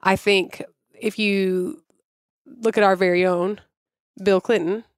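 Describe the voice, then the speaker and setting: A woman in a casual podcast chat, debating and quick to push back. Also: medium pitch, steady tone, clear, resonant tone, no room sound, clean studio sound.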